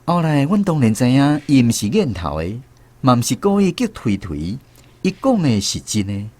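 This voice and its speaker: A man with a Taiwanese accent narrates in a radio drama as a former army serviceman, wryly and reflectively recalling barracks memories. His mid-range voice is warm, swings widely in pitch, and moves at a normal pace. Music plays underneath him.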